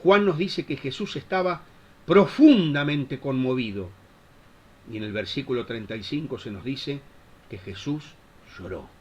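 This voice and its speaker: A man's voice: mid-range voice, unhurried, a little hiss or hum. A man teaching a Bible institute class in a preaching style, impassioned and full of rhetorical questions. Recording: dull lo-fi recording.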